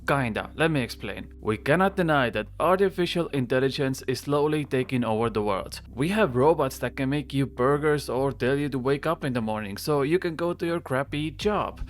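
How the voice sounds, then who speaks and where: A man hosting a gaming video with conversational, emphatic, enthusiastic scripted narration. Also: on the high side. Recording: music bed under voice. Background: background music.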